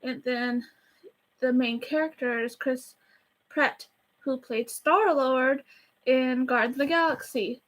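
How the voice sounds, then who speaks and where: High-voiced chatty woman rambling fast. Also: fairly even intonation, poor audio. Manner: chatty, rushed, self-deprecating, rambling. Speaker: YouTuber reviewing a movie. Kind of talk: casual rambling review. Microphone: camera facing her.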